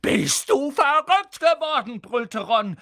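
A man's voice: high-pitched, big pitch swings, a little slow, bright, forceful tone, husky, no room sound, clean studio sound, pitched above the performer's own voice, heavily acted. Male reader as a sarcastic, panicky schoolboy wizard, audiobook. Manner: sarcastic, exasperated.

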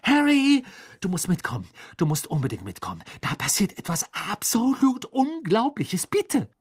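A man reading an audiobook, voicing an excited, insistent teenage girl who talks in a breathless, urgent rush. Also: on the high side, moderate pace, breathy edge, heavily acted. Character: eager, excited teenage schoolgirl, insistent and bossy.

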